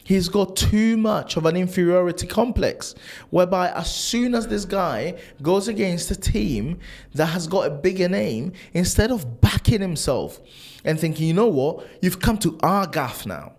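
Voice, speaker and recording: A man born and raised in Italy, a football fan vlogger, ranting in a casual, animated and frustrated way, full of restarts and rhetorical questions. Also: high voice, normal speed. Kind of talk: casual opinion rant to camera.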